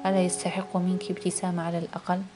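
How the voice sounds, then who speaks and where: A woman's voice: on the low side, monotone, racing, over loud music, lightly acted. A woman reading the part of a tense young husband pressing his wife with questions in an audiobook.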